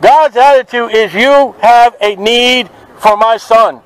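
A man preaching outdoors at a market, forceful and confrontational, quoting scripture to passers-by. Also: extremely high pitch, takes it slowly, clean tone, low-quality recording. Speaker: street preacher. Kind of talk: open-air street preaching. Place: outdoors at a city market by traffic.

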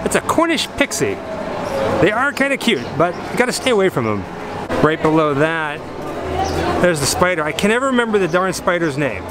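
A woman's voice: lowish voice, big pitch swings, a little fast. A woman hosting a vlog, narrating her visit to a theme park. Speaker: vlog host. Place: busy outdoor theme park. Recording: loud crowd and park noise behind.

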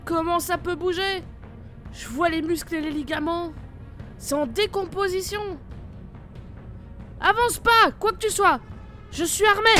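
A woman's voice: mid-range voice, a bit bright, close to an everyday voice. A woman voicing a tough female squad leader in an amateur horror audio drama, giving curt, commanding orders. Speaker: team leader.

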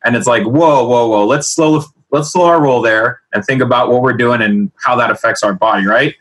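A man from the United States, an energetic and jokey sports dietitian co-hosting a casual podcast chat. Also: medium pitch, normal speed, poor audio. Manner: energetic, jokey, laughs often.

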